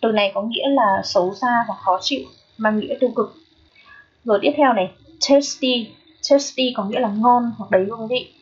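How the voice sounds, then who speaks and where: Vietnamese woman, English teacher, husky voice, mid pitch, keeps asking if students follow, dull lo-fi recording. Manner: checks in with listeners often; repeats each word slowly. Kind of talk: phonetics lesson.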